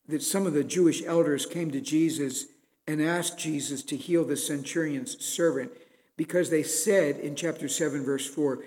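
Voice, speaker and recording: A man's voice: fairly high pitch, darkish tone, big-room sound. A man preaching a sermon as pastor, earnest and building to emphatic pleas.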